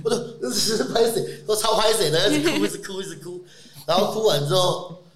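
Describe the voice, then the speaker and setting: A man with a Taiwanese Mandarin accent telling an animated story in casual chat, laughing often. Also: high voice, brisk, echoey room. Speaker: podcast guest.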